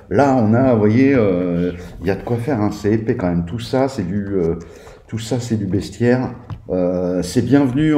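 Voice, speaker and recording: A man's voice: on the low side, dark tone. A man reviewing a tabletop game book in a casual, hesitant way, with many fillers and restarts. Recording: echoey room.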